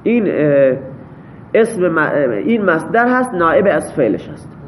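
High-voiced male teacher explaining grammar. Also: very animated, a little hiss or hum. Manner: parses example sentences step by step, checks with students. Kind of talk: classroom grammar lesson.

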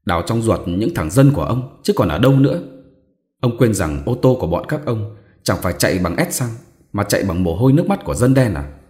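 A man voicing a sharp-tongued, defiant young wife who speaks with mocking scorn in a storybook reading. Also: lowish voice, big pitch swings, fairly quick.

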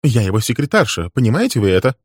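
A man voicing a volatile young female secretary who shouts in a high, shrill voice. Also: big pitch swings, quick pace, slightly rough, dry recording, clean studio sound. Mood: defensive.

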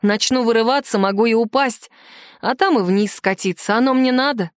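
A woman reading a first-person fantasy novel aloud in a lively, expressive way. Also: on the high side, normal speed, no echo, studio quality. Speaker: audiobook narrator.

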